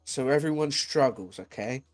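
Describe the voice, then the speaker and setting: A man's voice: mid-range voice, moderate pace, soft background music, rough recording. A man with a Scottish accent, co-commentating a drift livestream with teasing, jokey banter. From United Kingdom.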